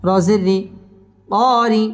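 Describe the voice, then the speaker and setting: A man with a high voice teaches recitation at a slow, deliberate pace, spelling each syllable and then chanting it. A long reverb trails behind his voice, and soft music plays faintly underneath. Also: fairly even intonation. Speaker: Quran teacher. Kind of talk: letter-by-letter recitation lesson.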